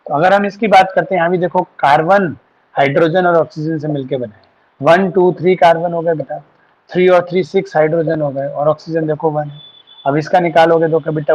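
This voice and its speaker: A man's voice: fairly high pitch, a little mellow. A man teaching a chemistry class online, patiently talking students through formulas and mixing in English terms. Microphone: online class setup. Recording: dull lo-fi sound.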